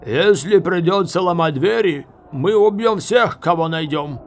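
A man's voice: high voice, expressive, unhurried, soft background music, voice pushed up. A male narrator voicing a commanding enemy officer who barks demands at the defenders. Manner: loud, barking.

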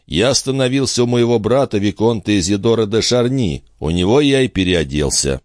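A man's voice: on the low side, animated, a little mellow, dry recording, studio quality, voice pushed up, natural voice. Man reading as a grave, courteous count. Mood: earnest. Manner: earnest, measured, courteous. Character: grave, restrained male count, an officer. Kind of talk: audiobook character voice.

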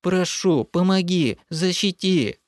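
A man voicing a small, panicky male swamp creature in an audiobook, with a shrill squealing voice that wails and repeats itself. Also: slow, no echo, studio quality. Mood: begging. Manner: wailing, repeats himself in panic.

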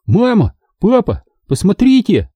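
A man voicing an eager, insistent young boy who shouts and pleads in a high voice. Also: big pitch swings, measured pace, husky, dry recording, full character voice. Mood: excited.

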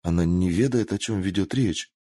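A man's voice: low voice, normal speed, husky, no room sound. A man doing a timid, murmuring young attendant. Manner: soft, murmuring.

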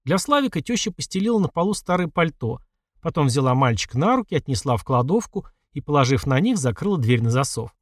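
A man narrating a horror audiobook with expressive, lively delivery. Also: on the high side, fast talker, dry recording, clean studio sound.

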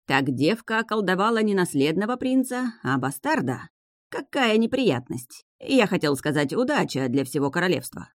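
A fussy, hysterical court councillor who frets and schemes, his voice jumping high and shrill when he panics, as an audiobook reader puts him on. The recording is dry and close, with no room sound. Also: very animated, normal speed, no room sound, lightly acted. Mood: scheming. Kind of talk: audiobook character voice.

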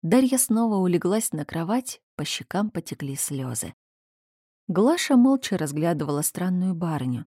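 A woman narrating a story in a steady, measured reading voice. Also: on the low side, breathy edge, no echo, studio quality.

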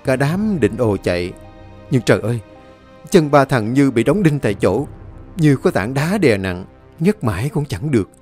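A man's voice: mid-range voice, big pitch swings, moderate pace, darkish tone, soft background music. Male ghost-story narrator.

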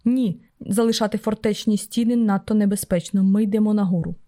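A calm, clipped young male warrior who never raises his voice, as a woman narrator puts him on. The tone stays even and level, with a soft, warm colour. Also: mid-range voice, fairly quick, natural voice.

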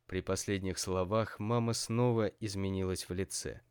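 A man with a lowish, smooth voice reads audiobook narration in an even, measured way. The sound is dry and close, with no room around it. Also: no echo. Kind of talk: scripted narration.

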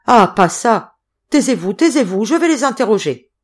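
A woman voicing a panicked older village mayor who shouts and pleads. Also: mid-range voice, expressive, normal speed, lightly acted. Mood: frantic.

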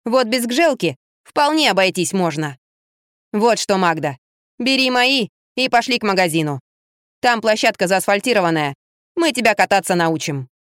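A woman's voice: medium pitch, lively intonation, fairly bright tone, no echo, studio quality, lightly acted. A woman reading an audiobook, voicing a brash young boy who speaks bluntly and emphatically. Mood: eager. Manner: blunt, indignant, slow and emphatic.

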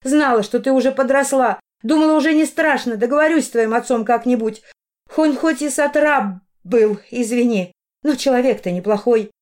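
A woman's voice: fairly high pitch, a little mellow, lightly acted. A woman voicing an emotional middle-aged mother who pleads and flares up in anger. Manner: pleading, agitated outbursts.

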